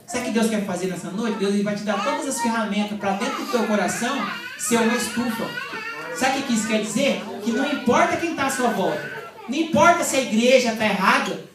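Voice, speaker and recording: A woman with a Brazilian Portuguese accent preaching a sermon at a church service, telling stories lively and acting out the quoted dialogue. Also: a little high. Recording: echoey hall, mic far off, congregation behind.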